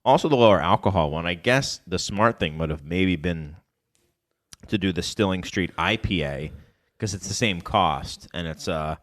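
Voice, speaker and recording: A low-voiced man with a hint of a Chicago accent chats loosely on a podcast. He hedges, rambles and keeps correcting himself. The recording is dry, with no room sound at all. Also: expressive, moderate pace, a bit bright, no room sound. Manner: rambling, self-correcting, hedging. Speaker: podcast co-host, beer bar owner. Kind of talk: casual chat.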